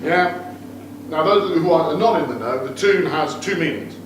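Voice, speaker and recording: A middle-aged man from the United Kingdom, fairly high in pitch and at a moderate pace, gives a joking, teasing toast as father of the groom. He tosses playful asides to guests in a wedding reception room, recorded from far off in a very echoey, noisy space.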